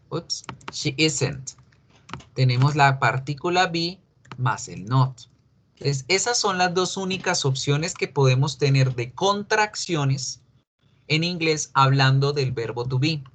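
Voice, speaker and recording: A man teaching an English grammar class in Spanish, explaining slowly and patiently and putting questions to his students. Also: fairly high pitch, a bit bright. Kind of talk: online class lecture.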